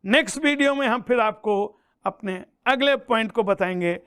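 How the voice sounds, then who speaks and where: A man teaching chemistry in a lesson, slowly chanting mnemonics and repeating them for students, calling them beta. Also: high voice, a bit bright, clean tone, no room sound, clean studio sound. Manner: addresses listeners as beta and bhaiya.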